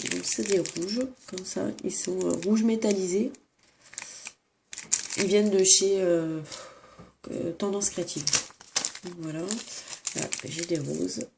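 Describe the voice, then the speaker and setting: Brief: sick woman, low-ish voice, hesitant show-and-tell vlog at home, noisy crinkling bags behind. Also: fairly even intonation, unhurried, gravelly, long pauses. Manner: hesitant, many fillers and self-corrections. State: sick, sniffling. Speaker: crafts vlogger. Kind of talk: casual show-and-tell of craft supplies. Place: room at home. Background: crinkling plastic bags.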